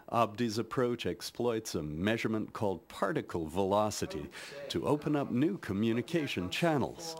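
An American man narrating a scripted science news report as a correspondent. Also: on the low side.

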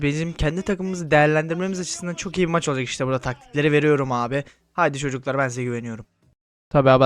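A man commentating his own football management game, chatting casually and shouting at his players as the match heats up. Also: mid-range voice, dry recording. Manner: shouts encouragement at players, rising to yells; says "abi" constantly in casual chat. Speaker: gaming YouTuber. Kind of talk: excited gameplay commentary.

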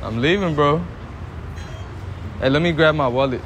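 A young adult man hosts a prank vlog, chatting casually in a hidden prank at normal speed with a fairly high voice, full of slang like "bro" and "boss." It starts in a large warehouse store and later moves to the parking lot, with crowd noise and outdoor ambience.

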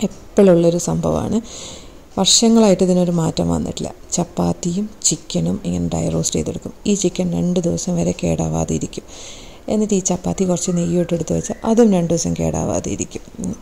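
A Malayali-accented woman narrates her road trip in a chatty, rambling voice-over, often restarting her words. Her voice is heavily gravelly and sits low, with a dark, mellow tone that stays fairly flat. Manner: chatty, rambling, with many self-corrections. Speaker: travel vlogger. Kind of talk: casual travel narration.

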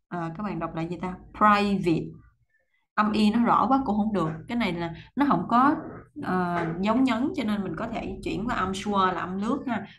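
A woman teaches English pronunciation in a mid-pitched voice. She reads sentences aloud and then breaks words down syllable by syllable, repeating each one slowly and carefully. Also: rough recording. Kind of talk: language lesson, reading and breaking down English sentences.

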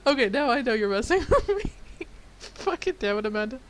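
A woman voicing a sarcastic teenage daughter in a dating game, speaking in a dry, deadpan, low-key way. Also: fairly quick, lightly acted.

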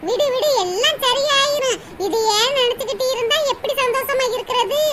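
Over loud background noise, a woman with a very high-pitched, brisk voice performs cartoon voices of chatty village women with a south Tamil Nadu accent. Playing a neighbor, she is consoling and gossipy, calling others akka and di.

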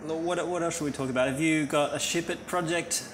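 A man, hosting a relaxed interview in an office room on a lapel mic. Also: a little high, fairly quick, over a noisy crowd. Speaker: interview host. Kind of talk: casual interview chat. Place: office meeting room indoors.

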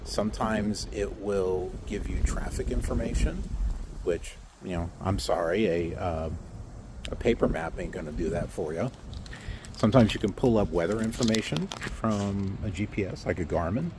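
Outside next to a block wall, a trucking vlogger in middle age talks into a phone held out at arm's length. He speaks at a normal speed in a lowish voice, rambling sarcastically with lots of fillers while background noise hums along.

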